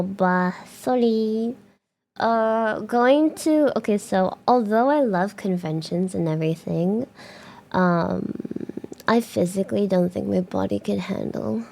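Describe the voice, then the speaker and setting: Casually addressing her viewers, a young woman streamer rambles through fillers and restarts with bubbly bursts of excitement, her mid-range voice sounding creaky.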